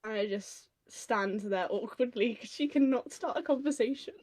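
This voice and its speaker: A woman playing a tabletop role-play game, her voice fairly high as she stammers and restarts. She stays hesitant and halting while speaking in character. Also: a little mellow. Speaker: player.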